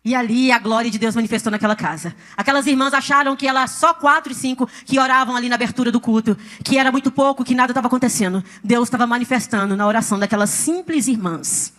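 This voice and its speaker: Woman, high voice, rapid talk, dramatic church testimony, emphatic, acts out quoted voices. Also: a bit bright. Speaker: testimony speaker at a church service.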